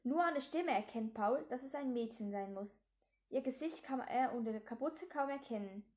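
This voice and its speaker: A woman reading a children's book aloud in steady storytelling, with small slips. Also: fairly high pitch, normal speed.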